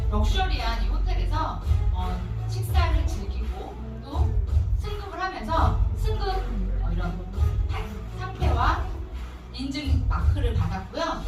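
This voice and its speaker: A woman with a high voice delivers a motivational sales lecture and keeps turning to her audience with questions. She sounds set back from the mic in a large, very echoey hall, with music playing clearly behind her. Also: recorded from a distance. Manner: animated, addresses audience directly with questions. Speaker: business seminar speaker.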